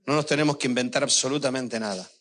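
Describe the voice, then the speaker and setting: Here an older man preaches quickly in a mid-range, slightly bright voice. Speaking as a pastor, he weaves emotional personal anecdotes into his sermon and talks right to the congregation.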